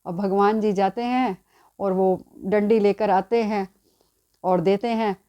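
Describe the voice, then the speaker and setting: A woman tells a devotional story, repeating lines for emphasis. Her voice is mellow and warm, at a middling pitch. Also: fairly even intonation, takes it slowly, lo-fi sound.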